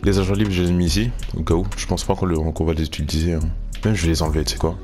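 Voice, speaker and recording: A young man casually commenting on a sports video game, thinking aloud and getting excited over pack openings. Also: sits low, rapid-fire, soft background music. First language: French. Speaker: gaming YouTuber.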